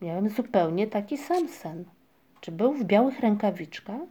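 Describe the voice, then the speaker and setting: A woman voicing an eager, excitable young male moomin troll in a storybook reading, with exclaiming delivery. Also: medium pitch, normal speed, close to an everyday voice. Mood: puzzled.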